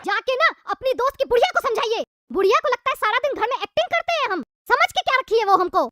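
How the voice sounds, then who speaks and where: A sulky, tearful young wife, put on by a woman in a comic cartoon, speaking. She snaps in a very high, bright, quick voice that sounds close and dry. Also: expressive, no echo, full character voice. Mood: resentful. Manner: tearful and sharp-tongued. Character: sulky young wife, angry at her mother-in-law.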